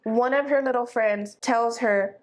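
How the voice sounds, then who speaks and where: A woman in her thirties with a slightly high voice co-hosts a relaxed podcast. She speaks in an easygoing, agreeable way, full of casual fillers. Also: a little slow. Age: 30s. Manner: easygoing, agreeable, lots of likes. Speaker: podcast co-host. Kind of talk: casual chat.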